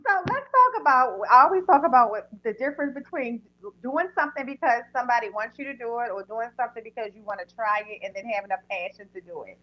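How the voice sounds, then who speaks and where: A woman's voice: on the high side, lively intonation, quick pace. A woman hosting a casual interview show in a chatty, informal way. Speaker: podcast host. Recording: dull lo-fi audio.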